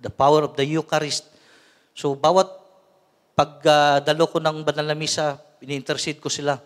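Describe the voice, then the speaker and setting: A man in his forties from the Philippines preaches in an easy, conversational way. He often tags his sentences with a questioning "no?" and slips into English. His voice sits on the higher side for a man, and a long hall reverb trails each phrase. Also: little pitch movement, normal speed. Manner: mixes English into talk, frequent "no?" tag questions. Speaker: lay preacher. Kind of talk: conversational healing sermon.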